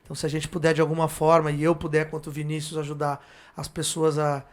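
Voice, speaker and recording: Speaking with a southern Brazilian accent from Porto Alegre, this male podcast guest has a voice on the high side for a man and a completely flat delivery. He chats casually but haltingly, often doubling back to rephrase.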